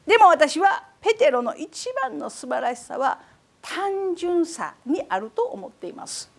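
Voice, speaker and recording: A woman preacher giving a sermon in an animated way, often asking the audience questions. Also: very high voice, a little slow, vocal fry.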